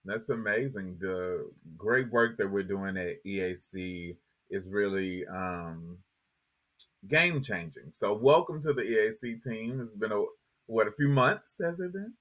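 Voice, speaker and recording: A man's voice: on the low side, measured pace, a bit bright. Upbeat male podcast host. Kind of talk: interview hosting.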